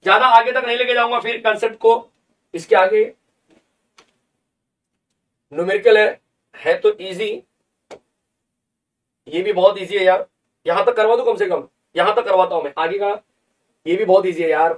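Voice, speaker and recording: A man's voice: high-pitched, steady tone, normal speed, long pauses. A man, a chemistry teacher in a live online lesson, playful and chatty, calling his students kids. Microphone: desk mic on a livestream. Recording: distant, somewhat echoey livestream sound.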